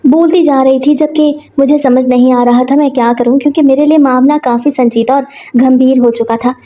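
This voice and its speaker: A woman's voice: high-pitched, steady tone, fairly quick, warm tone, lo-fi sound. A woman narrating a first-person story in an earnest, emotional storytelling manner.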